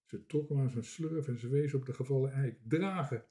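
A man reading a children's book aloud with expressive storytelling. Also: mid-range voice, a little fast. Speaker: reader.

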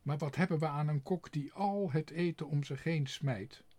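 A man reading a storybook aloud, voicing a shrill, snobbish lady of the house who scolds in a high, piercing voice. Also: moderate pace, warm tone, no echo. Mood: fretful. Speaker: employer of the cook.

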